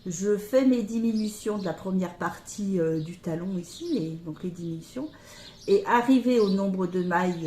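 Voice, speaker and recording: A middle-aged woman chatting casually about her knitting, hesitant, with many pauses and fillers, recorded by a camera on a table near her. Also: medium pitch, dark tone, roomy sound, a little hiss or hum. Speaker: knitting podcaster.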